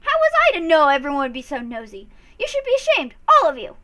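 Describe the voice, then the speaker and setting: Woman doing a high, swooping, scolding old-lady witness for a game read. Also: wildly swooping pitch, fast, pushed and bright, exaggerated voice. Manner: scolding, indignant, calls people sonny. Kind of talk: fan voice-over of a game.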